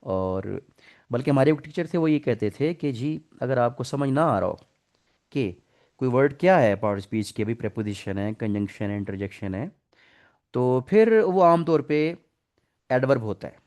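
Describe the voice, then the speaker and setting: Pakistani urdu accent teacher guy, middle-aged, explains grammar slow and patient, keeps asking the class stuff. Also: mid-range voice, animated, darkish tone. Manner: explains patiently, asks the class questions and mixes in English terms. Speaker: English teacher. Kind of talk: online class lecture.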